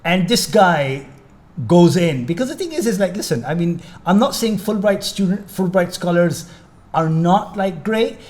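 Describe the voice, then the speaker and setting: Lively high-pitched man, co-host. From Pakistan. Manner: animated, quick interjections, wry. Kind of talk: casual chat reading comments.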